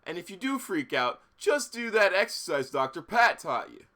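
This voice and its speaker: A reader playing a calm, supportive young man who coaxes his anxious girlfriend in a slightly lower, soothing voice during a script read-through. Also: normal speed.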